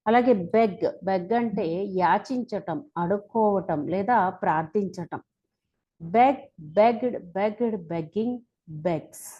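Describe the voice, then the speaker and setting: Slow, deliberate Telugu woman teaching. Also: medium pitch, dull audio. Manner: spells out verb forms one by one, slow and deliberate. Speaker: English teacher. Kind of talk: slow spoken-English lesson.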